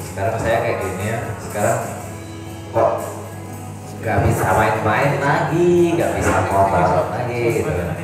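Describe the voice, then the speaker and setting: A man's voice: lowish voice, normal speed. A man hosting a casual chat, asking questions in a friendly way and laughing often. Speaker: host. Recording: echoey room from far off with loud music.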